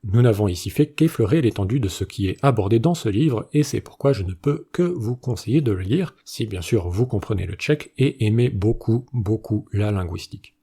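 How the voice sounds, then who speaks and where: A man with a low, slightly husky voice narrates a scripted lesson. His delivery is measured and explanatory, with a lively rise and fall of pitch. The tone is mellow and dark rather than bright. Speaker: channel host.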